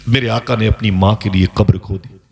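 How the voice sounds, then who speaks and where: A man with a low voice delivers an emotional sermon as a story. He acts out its dialogue dramatically and keeps turning to address his listeners directly. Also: fairly even intonation, moderate pace, creaky. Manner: dramatic, voices quoted dialogue with rising pitch; addresses the audience and scholars directly. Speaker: Islamic preacher.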